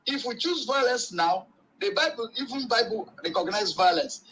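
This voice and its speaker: A man's voice: high voice, lively intonation, moderate pace, bright, forceful tone, a little hiss or hum, rough recording. A man calling in to a talk show, heard over a phone on speaker, arguing his point emphatically and preachily. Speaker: caller. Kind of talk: call-in talk show opinion.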